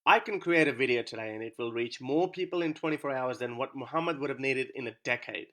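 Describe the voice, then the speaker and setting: Speaking quickly in a mid-range voice that sounds pushed and bright, this man, a native Urdu speaker and YouTube commentator, reads an argumentative script loaded with sarcastic rhetorical questions.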